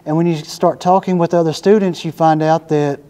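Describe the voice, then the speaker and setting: A man giving thoughtful, unhurried interview answers, pausing often with fillers as he searches for words. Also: fairly high pitch, fairly even intonation, mellow, clean tone. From Arkansas, USA. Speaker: interviewee working with international students. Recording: echoey room with long reverb.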